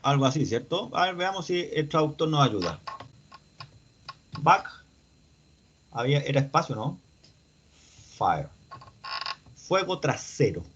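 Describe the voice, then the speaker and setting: A male instructor gives an online mechanics lecture, walking through the material step by step and posing questions to his students along the way. His voice is fairly high, animated and brisk, with barely any pauses. The lo-fi audio sounds dull and carries a faint hiss or hum.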